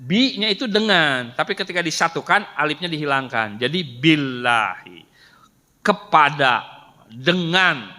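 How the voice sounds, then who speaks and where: A man's voice: a little high, lively intonation, unhurried, sharp tone. A middle-aged man, giving a Quran study lesson and patiently explaining with rhetorical questions. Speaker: Quran teacher. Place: mosque hall. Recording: reverberant hall sound.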